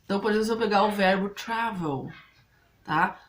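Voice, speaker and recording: A woman's voice: medium pitch, a little fast. A woman speaking Brazilian Portuguese, explaining English grammar rules to students step by step and often checking in with her listeners. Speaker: English teacher.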